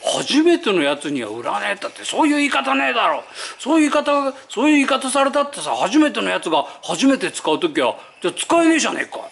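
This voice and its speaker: Lively high-voiced man in workshop chatter. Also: fast talker, vocal fry, few pauses, a little hiss or hum. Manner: animated storytelling, acts out quoted phone calls, laughs often. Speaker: wheel repair shop worker. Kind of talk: casual workshop chat.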